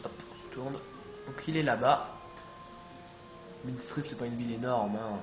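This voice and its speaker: A man's voice: medium pitch, unhurried. A man giving casual, rambling commentary over his video game play, swearing now and then. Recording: echoey room, game music behind.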